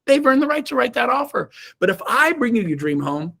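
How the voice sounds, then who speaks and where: A middle-aged real estate team leader gives a fired-up motivational coaching talk over a Zoom video call from his own room indoors. His high voice is brisk and creaky with big pitch swings, and he emphatically alternates between shouting and low asides.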